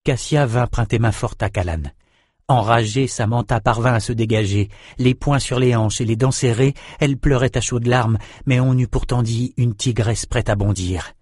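Male audiobook narrator, mid pitch, dry booth sound. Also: steady tone, darkish tone, husky, no room sound. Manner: measured storytelling. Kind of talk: scripted narration.

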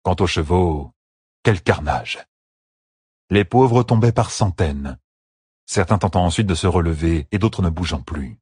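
A man narrating a fantasy battle audiobook with steady, dramatic storytelling. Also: low-pitched, a little slow, long pauses, husky, dry recording, studio quality.

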